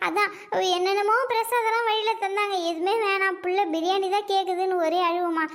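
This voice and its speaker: A woman voicing a brash village mother in a comedy cartoon, yelling at her little daughter and nosily asking around. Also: very high-pitched, steady tone, a little fast. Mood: nosy. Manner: brash, threatening, nosy. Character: loud village mother hunting for biryani with her small daughter.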